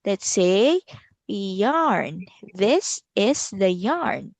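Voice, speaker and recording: Very slow, lively woman teaching a toddler. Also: mid-range voice, dry recording. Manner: talks as if to a toddler, simple phrases repeated, encouraging; laughs often between phrases. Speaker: English vocabulary teacher for a young child. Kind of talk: slow, simple children's lesson with repetition.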